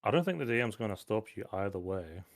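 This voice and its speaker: Male gamer, lower-pitched, dry sound, exasperated and pointed casual banter. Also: sing-song, fast, no echo. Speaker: tabletop game player. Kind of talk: casual game chat.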